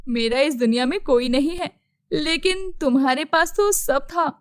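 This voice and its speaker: A woman playing a gentle young cartoon girl, questioning, high-pitched. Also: measured pace, dry recording, studio quality. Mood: reproachful.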